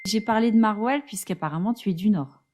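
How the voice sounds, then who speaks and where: A woman hosts a book podcast, reading a book summary and asking prepared interview questions in a steady way. Her voice is medium in pitch and quick, with a little background noise.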